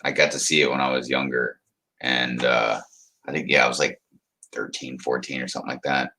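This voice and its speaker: With a very deep voice and a sharp tone, a US livestream host talks briskly and flatly while he rambles. He reads his chat aloud, chuckles, and greets viewers by name in casual conversation.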